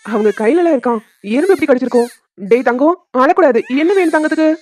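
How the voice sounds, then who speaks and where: A woman voicing a young caring father who talks quickly and earnestly and soothes his baby. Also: on the high side, darkish tone, lightly acted. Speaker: cartoon voice actor. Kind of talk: homemade cartoon dubbing.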